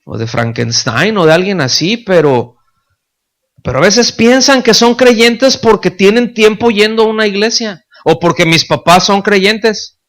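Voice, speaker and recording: A man's voice: high-pitched, measured pace, fairly bright tone. A male pastor preaching a sermon in a conversational way, often checking in with the congregation.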